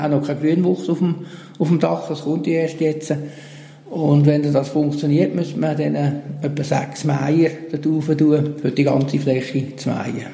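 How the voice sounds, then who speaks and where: A man with a Swiss German accent, a solar cooperative manager calmly explaining technical details in an interview. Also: a little high, vocal fry. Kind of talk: interview answers. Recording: roomy, reverberant room sound.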